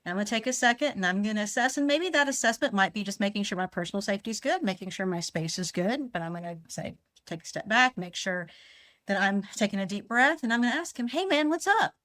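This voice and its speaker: A woman's voice: medium pitch, expressive, fast, fairly bright tone. A middle-aged woman physician, a podcast guest who explains conflict and acts out short example dialogues. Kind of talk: conversational podcast interview.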